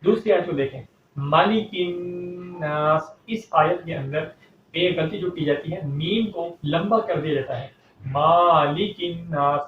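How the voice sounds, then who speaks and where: A man teaching a step-by-step recitation lesson, explaining calmly and pausing to chant verses slowly. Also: on the high side, faint music behind. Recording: echoey, distant, dull lo-fi recording with faint hum.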